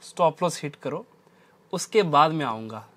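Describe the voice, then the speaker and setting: A man's voice: fairly high pitch, animated, a little slow, pushed and bright. A man teaching a stock trading strategy over a chart, stressing and repeating his key points. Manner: emphatic, repeats key phrases. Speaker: trading instructor.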